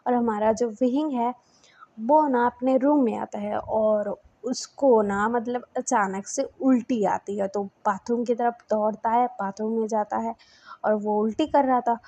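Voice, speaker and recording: A young woman with a slightly high voice tells a story in a loose, chatty way. She keeps stopping to search for the next word, padding her sentences with fillers and restarts. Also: fairly even intonation, measured pace, warm tone. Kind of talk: casual spoken retelling of a fan story.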